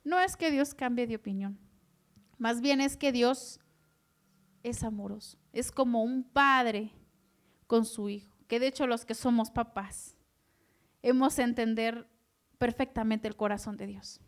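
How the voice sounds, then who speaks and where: A woman preaching a sermon, animated and asking her listeners questions. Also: a little high, unhurried, pauses often. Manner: animated, asks the audience questions.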